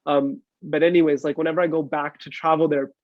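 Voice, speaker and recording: A man's voice: on the high side, level tone, fast talker, no echo. Eager man on a dull podcast mic. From United States. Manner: eager, jumps in with comments. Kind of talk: casual podcast chat. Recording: slightly dull lo-fi sound.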